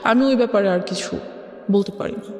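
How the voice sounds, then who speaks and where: Music runs beneath an echoey, reverberant recording of a woman being interviewed about her life. She has a Bangladeshi accent, a mid-range darkish voice, speaks fairly quickly, and mixes English phrases into her talk.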